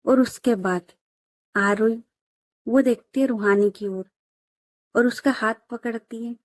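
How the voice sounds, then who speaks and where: A woman's voice: on the high side, darkish tone, dry recording, clean studio sound. A woman storyteller narrating a story in a chatty, friendly way, talking to listeners like friends.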